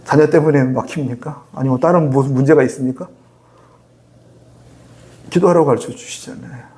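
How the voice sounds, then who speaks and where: A man's voice: mid-range voice, fairly quick, a little mellow. A male pastor giving a sermon in a conversational way, asking the congregation questions and acting out prayers. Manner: conversational preaching with rhetorical questions and acted-out prayers.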